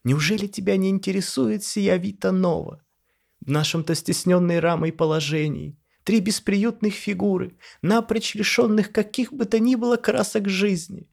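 A man voicing Pyotr, a pompous, theatrical male figure in a painting who speaks in a shrill, florid, declaiming way. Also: normal speed, vocal fry, a little mellow. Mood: grandiloquent.

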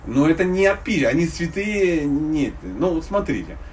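An animated man with a higher-pitched voice, a spiritual teacher from Dnipropetrovsk, Ukraine, speaks at normal speed in an informal religious lecture with audience questions. He's conversational and blunt, using slangy wording and humorous allegories before a live group. The mic is distant, and there's faint background noise.

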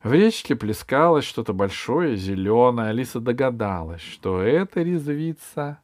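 A man narrating a children's storybook in a lively way. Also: mid-range voice, normal speed, no room sound, studio quality. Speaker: audiobook narrator.

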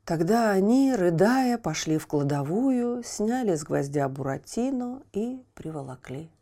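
Female storyteller for a children's audio tale; slow and highly expressive. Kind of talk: scripted fairy tale narration.

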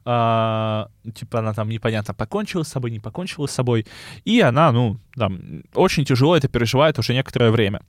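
A man's voice: mid-range voice, lively intonation, fast, no room sound, studio quality. Male podcaster with burred R and slight lisp. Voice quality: burred R (rhotacism). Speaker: podcast co-host. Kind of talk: casual podcast chat.

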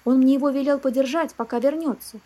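A woman's voice: sits high, fast talker, warm tone, close to an everyday voice. A woman voicing a meek, honest male tramp who answers humbly in a storybook reading. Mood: pleading. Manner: humble, pleading replies.

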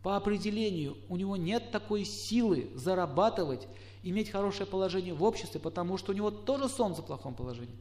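Middle-aged guy with a high voice giving a talk, lively, acts out little quotes, throws questions at the room. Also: fast talker. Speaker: astrologer lecturer. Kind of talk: lecture to a live audience.

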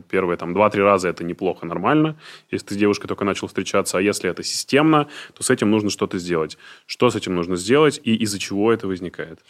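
A man in his late twenties hosting a casual podcast interview, asking curious, probing questions with a joking touch. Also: lowish voice. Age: late 20s. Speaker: podcast host.

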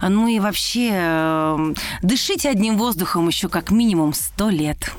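A woman's voice: lowish voice, unhurried. Gushing, affectionate woman radio host. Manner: effusive, gushing, affectionate with diminutives. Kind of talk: chatty on-air radio talk with callers.

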